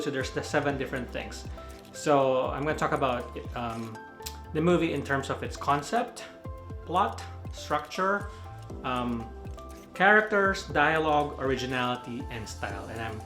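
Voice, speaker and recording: A Filipino man with a Filipino accent gives a casual spoken movie review, rambling with many fillers and self-corrections and laughing at his own slips. His voice is medium-pitched and reverberant.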